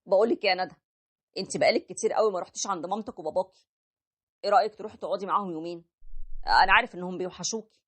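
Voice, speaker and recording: A woman's voice: lowish voice, rapid-fire, pauses often, lightly acted. A woman voicing a tender, apologetic young husband who narrates his own story, with an Egyptian accent. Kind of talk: animated story voice acting.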